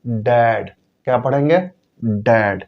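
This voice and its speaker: A man's voice: medium pitch, takes it slowly, highs cut off, slight background noise. A man teaching English pronunciation, drilling example words by asking and repeating them. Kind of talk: classroom-style lesson.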